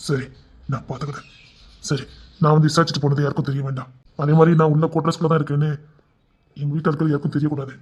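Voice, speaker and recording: A male storyteller narrates an audio love story dramatically, voicing its characters with emotional, tearful delivery. His voice is on the high side and level in tone, rapid-fire yet with long pauses, on a dull lo-fi recording.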